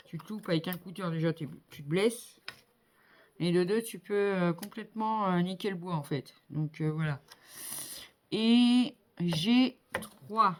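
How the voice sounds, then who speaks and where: A middle-aged woman chatting casually as she builds a model kit, thinking aloud with many fillers. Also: on the low side. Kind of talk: casual hands-on crafting commentary.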